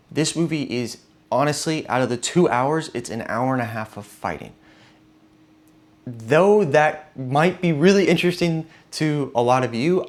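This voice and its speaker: Young male movie reviewer, mid pitch, blunt and casual with plenty of ums. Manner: frank, opinionated, fillers and restarts.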